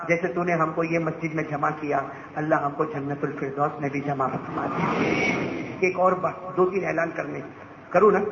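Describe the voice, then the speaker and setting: A man's voice: on the high side, gravelly, background noise. A man preaching a Ramadan night sermon in a mosque, leading the crowd in call-and-response and joking with them as he goes. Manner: jovial, banters with the crowd, tells joking anecdotes. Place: mosque gathering. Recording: echoey, dull mosque PA with crowd ambience.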